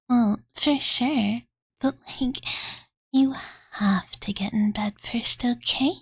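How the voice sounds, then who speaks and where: Heavily acted and fairly high-pitched, a woman whispers slowly as a cutesy, ditzy young dragon girl who dotes playfully and calls herself by name, with valley-girl filler throughout. The mood of this ASMR bedtime-story roleplay is playful and cozy, captured close on a Blue Yeti condenser mic with no echo.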